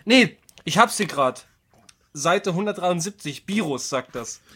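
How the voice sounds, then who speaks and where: A man co-hosting a podcast, chatting casually about manga with short, relaxed replies. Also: sits high, measured pace, husky. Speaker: podcast co-host. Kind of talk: casual chat reviewing manga.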